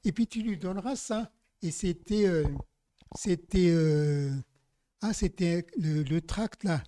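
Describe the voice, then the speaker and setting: Warm mellow guy preaching, chatty story sermon, talks right to the crowd, dry close sound. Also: sits high, no room sound. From Madagascar. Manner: chatty, addresses listeners directly, slows down for key phrases. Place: church service.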